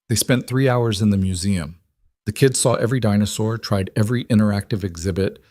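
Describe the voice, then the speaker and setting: A man narrating a scripted story in an even, steady reading voice on a close microphone. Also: lowish voice, no echo.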